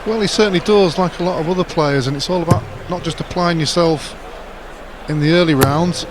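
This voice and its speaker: A male darts co-commentator with a fairly high voice. He talks conversationally and explains as he goes, with clear arena noise in the background. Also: fairly quick. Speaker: sports co-commentator. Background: noisy darts arena.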